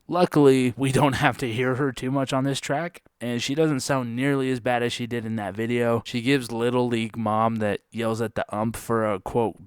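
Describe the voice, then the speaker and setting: A man's voice: mid-range voice, clean tone, dry recording, clean studio sound. A man hosting a casual ranking commentary, sarcastic and joking, with playful jabs. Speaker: host.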